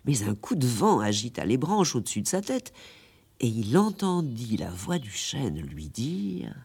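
Husky, lively storybook narrator man. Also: medium pitch, a little slow. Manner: lively, expressive telling.

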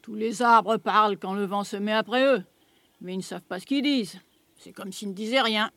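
A man's voice: high-pitched, moderate pace, sharp tone, dry recording. A man playing a shrewd, secretive old beggar woman in a radio drama, blunt and coaxing. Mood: scornful.

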